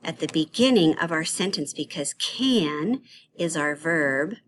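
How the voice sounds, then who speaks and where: A woman teaches young children grammar in a slow, unhurried way. She asks playful questions in a sing-song tone and praises their answers. Her voice sits a little low, with a faint hiss behind it. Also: expressive.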